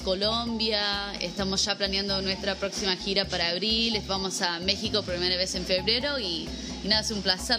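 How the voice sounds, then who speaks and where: A woman in her twenties from the United States, speaking Spanish with a Buenos Aires accent, easygoing and full of "eh" fillers in an interview. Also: mid-range voice. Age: 20s. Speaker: guest, music manager. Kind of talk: casual interview. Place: vegan café.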